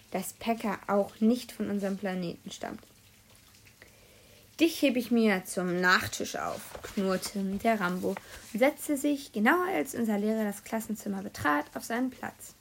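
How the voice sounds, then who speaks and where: A woman's voice: on the high side, gravelly. Woman reading a children's book aloud. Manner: lively storytelling with occasional slips. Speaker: reader.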